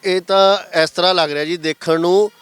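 A man's voice: sits high, steady tone, a little fast, a bit bright, clear, resonant tone. A man visiting the site, carefully explaining how the wall could have been climbed. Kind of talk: interview.

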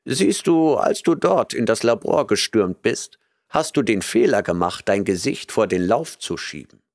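A man's voice: lowish voice, expressive, unhurried, dry recording, clean studio sound. A man voicing a vain, condescending elderly professor in an audiobook, with a pompous, self-satisfied manner.

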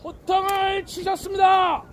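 A man giving a shouted protest speech outdoors on a street, calling out slogans in drawn-out phrases. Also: very high voice, completely flat delivery, a little hiss or hum.

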